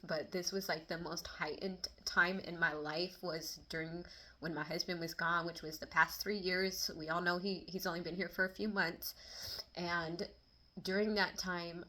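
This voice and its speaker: Bright-voiced woman venting candidly. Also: lowish voice. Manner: candid, emotional, swinging between laughter and near tears; swears casually, quick bursts of exasperation. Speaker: vlogger. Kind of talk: personal confessional talk to camera.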